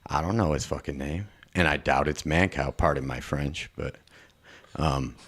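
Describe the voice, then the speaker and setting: Very deep-voiced man from Chicago. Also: normal speed, a bit bright, breathy edge. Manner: easygoing, agreeable. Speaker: co-host. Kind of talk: casual radio chat.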